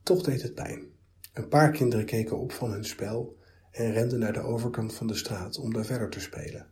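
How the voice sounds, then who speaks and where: A man narrating a story in a measured, even reading. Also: mid-range voice.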